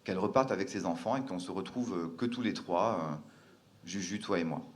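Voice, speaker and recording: A man voicing his teenage self, pleading slowly with his father. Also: deep voice, natural voice.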